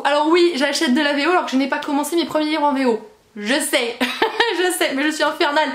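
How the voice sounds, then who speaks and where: A woman book vlogger chatting casually and gushing over her new books as she unboxes them, giggly and self-mocking. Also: high-pitched. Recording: echoey room.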